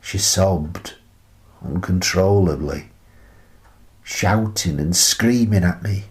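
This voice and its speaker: The mood is sorrowful and tender as a low-pitched male actor performs a radio play monologue as a wistful sixty-something grandfather and retired teacher. His storytelling is reflective and measured, with pauses between phrases.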